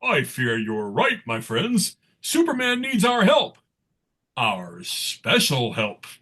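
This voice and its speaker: Man playing raspy, swooping, bombastic Santa Claus. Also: medium pitch, wildly swooping pitch, slow pace, bright, forceful tone, full character voice. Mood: rousing. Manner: theatrical, declamatory. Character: jolly, bombastic, take-charge Santa Claus, an old man. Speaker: performer in a dramatic comic book table read. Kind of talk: live dramatic table read of a comic book.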